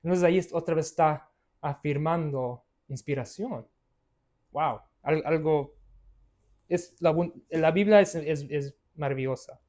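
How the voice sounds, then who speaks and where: A man leads a Bible study lesson in a slightly high voice. He talks slowly and haltingly, restarting phrases and checking in with his listeners as he goes. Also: darkish tone, a little hiss or hum. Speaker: Bible teacher.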